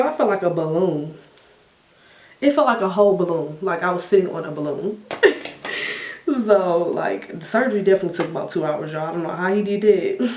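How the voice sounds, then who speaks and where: A young woman vlogger telling a story in a casual question-and-answer chat, animated and laughing often, acting out her own reactions in a higher voice. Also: distant mic, a little hiss or hum. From United States. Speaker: beauty vlogger. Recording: echoey room, a bit off mic.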